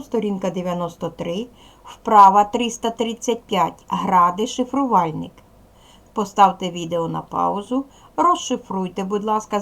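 A woman teacher with a Ukrainian accent and a medium-pitched, somewhat bright voice records a lesson for young children. She delivers her instructions slowly and clearly.

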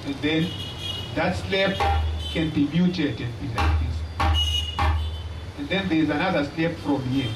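A slow-talking Zimbabwean drummer, his voice a little high, gives a friendly, plain lecture-demonstration in a small indoor stage hall, pausing often as he teaches. He uses a stand mic, but a distant camera captures him, making the audio echoey, far away and noisy.

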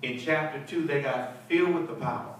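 A man's voice: fairly high pitch, fairly quick. A middle-aged man, a pastor, teaching a Bible study with emphatic preaching, repeating words and calling for responses. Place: church fellowship hall with seated group. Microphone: handheld mic, heard from a far camera. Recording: echoey hall from far off, faint hiss.

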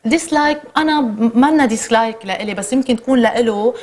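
Fast-talking Lebanese woman guest. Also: a little high, darkish tone. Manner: playful, jokey. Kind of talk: casual TV chat. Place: TV studio.

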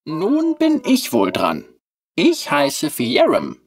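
A narrator playing Fiyerem, a shy and charming porcelain clockwork boy who speaks slowly and softly in a storybook reading. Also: medium pitch, wildly swooping pitch, no room sound, studio quality, far from the mic, pitched above the performer's own voice, full character voice.

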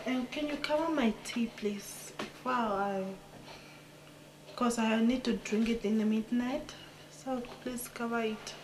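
A young woman playing a bedridden sister sick with TB, who speaks in a weak, halting way in an amateur film drama. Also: on the high side, lightly acted. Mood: soft, tired. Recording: echoey room, faint background noise.

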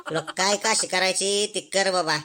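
A woman's voice: mid-range voice, steady tone, normal speed, sharp tone, natural voice. A woman playing a foul-mouthed scolding father. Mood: resigned. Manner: scolding, insulting, rustic slang. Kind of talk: comedy sketch acting.

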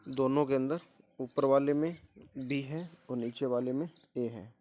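A man's voice: medium pitch, a little slow, background noise. A male teacher going through an exam paper, repeating questions back to his students and spelling words out letter by letter. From India.

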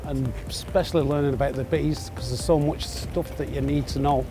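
A man's voice: mid-range voice, fairly even intonation, fairly quick, over music. Plain-spoken older man. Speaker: volunteer. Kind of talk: interview. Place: outdoors, garden. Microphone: lapel.

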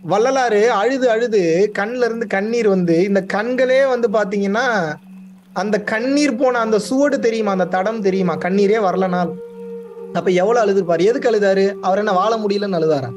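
A man's voice: high voice, moderate pace. A man teaching a spiritual class, speaking to his students with many rhetorical questions and words repeated for stress.

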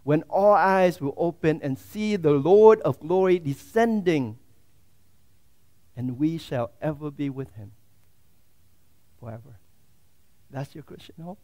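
A man preaching a sermon as a pastor in a church, swinging from loud, fervent declarations to hushed, quiet asides. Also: on the high side, lively intonation, slow pace, long pauses.

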